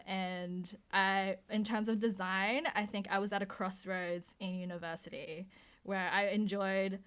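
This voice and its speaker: A woman's voice: medium pitch, fairly bright tone. Chatty woman motion designer. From Hong Kong, raised in Australia. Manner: chatty, lots of fillers and restarts. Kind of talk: interview answers.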